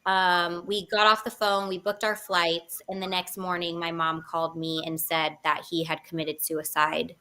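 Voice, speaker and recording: A woman's voice: lowish voice, little pitch movement, normal speed, hardly any pauses, bright, forceful tone. A young woman in her twenties speaking as an interview guest, telling a personal story candidly with frequent fillers.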